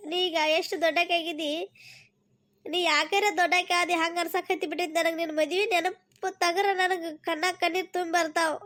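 A woman voicing a loving village mother in a cartoon, speaking with a North Karnataka Kannada accent and coaxing her daughter tenderly. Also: very high-pitched. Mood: tearful. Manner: tender, coaxing, scolding gently. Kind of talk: cartoon voice acting.

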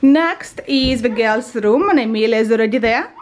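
A woman in her thirties, a vlogger, gives a casual house tour through the bathroom and bedroom, filming on a handheld camera as she walks. Her voice is fairly high and her pace normal, and there's background noise. She's chatty and keeps correcting herself.

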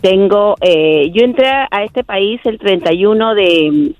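A woman's voice: mid-range voice, expressive, slow pace, a little mellow. A woman calling in to a radio show with a hesitant question, her phone held too far from her mouth so the line cuts out. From Peru. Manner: hesitant, many restarts and fillers. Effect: phone held away from the mouth, cutting out. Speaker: caller. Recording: dry tinny phone line.

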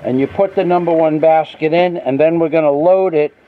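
Standing beside heavy machinery outside, a man with a slightly high, slightly fast voice patiently explains a machine repair one step at a time. He's a mechanic giving informal instructions, captured on a camera mic with a phone-like sound and faint background noise from outdoors.

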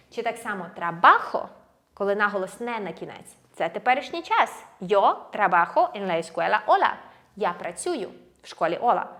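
Woman, Spanish teacher, fairly high voice, very animated intonation, patient clear explaining, slow drilled words. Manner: clear, measured explaining with stressed endings. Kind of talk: language lesson explaining grammar.

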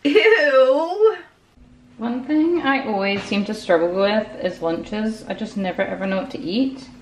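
A woman's voice: medium pitch, moderate pace, a little mellow, a little hiss or hum. Chatty woman vlogging at home. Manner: chatty storytelling, laughing often. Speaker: lifestyle vlogger. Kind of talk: casual vlog chat to camera.

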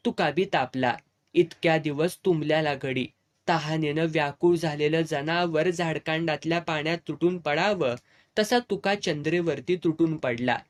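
A man narrating a serialized novel in a steady storytelling manner. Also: fairly high pitch, normal speed.

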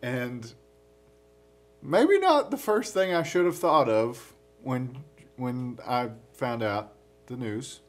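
A man's voice: medium pitch, big pitch swings, takes it slowly, soft background music. A man co-hosting a podcast in casual chat, often laughing as he tells stories. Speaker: podcast co-host.

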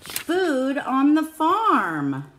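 Speaking very slowly in a high, slightly bright voice whose pitch swoops wildly, a middle-aged woman who teaches preschool reads a picture book to young children. She keeps the phrasing simple and puts questions to them. The small indoor classroom is captured on a phone or tablet at arm's length, with a little hiss or hum.

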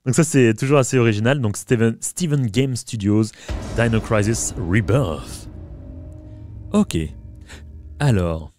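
Man, gameplay commentary, casual, hesitant fillers, mid pitch, clear game music behind. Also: lively intonation, moderate pace, a little mellow. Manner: hesitant, many filler sounds. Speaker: let's play gamer.

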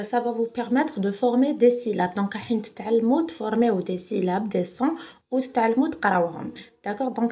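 A woman with an Algerian accent gives a home lesson to young pupils as their French teacher. Her pitch sits in the middle for a woman, and her delivery is patient and steady. She pauses to check understanding and slows right down to sound out words. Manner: slows and stretches words when spelling them out. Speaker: primary school French teacher.

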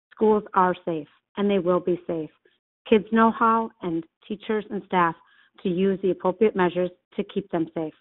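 Earnest woman in her forties, phone line. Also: medium pitch. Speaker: parent and occupational therapist making a public comment. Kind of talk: recorded public comment by phone.

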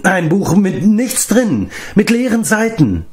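A whiny male giant moans through his woes in a storybook reading, as a man puts him on. The voice sits high and lifts and falls across a wide range. He complains plaintively, begging for pity. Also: very animated, slow pace, exaggerated voice. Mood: self-pitying. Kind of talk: audiobook character reading.

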